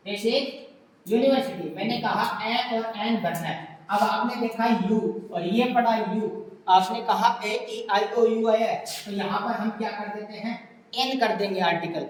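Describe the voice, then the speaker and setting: A male English teacher works through grammar rules one step at a time, asking his students' questions aloud and answering them himself. His voice sits fairly high, and it bounces around a hard, echoey room with a long tail of reverb. A faint hum stays underneath. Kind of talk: classroom grammar lesson. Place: room, writing on a board.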